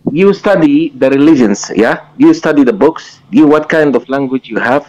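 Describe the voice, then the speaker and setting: A man from Egypt, an Arabic speaker, politely and apologetically asking questions in halting second-language speech. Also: a little high, animated, darkish tone. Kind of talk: casual questioning in discussion. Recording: dull lo-fi audio.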